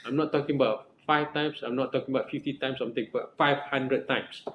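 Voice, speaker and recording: In an echoey room with faint noise, a middle-aged Malaysian-accented supervisor counsels his research student earnestly, repeating himself, restarting phrases, and frequently adding "right?" His voice is mid-range with fairly even intonation, he talks fast, and the sound is lo-fi.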